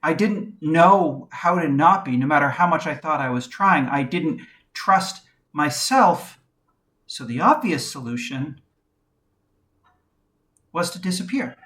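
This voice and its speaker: Woman, reflective first-person narration, quiet and measured, candid, pauses often. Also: deep voice, expressive. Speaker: video essayist.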